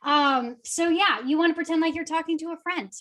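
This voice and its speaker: A woman's voice: very high voice, brisk, a bit bright. A young adult woman, a guest social media coach, giving upbeat, chatty webinar advice with lots of fillers.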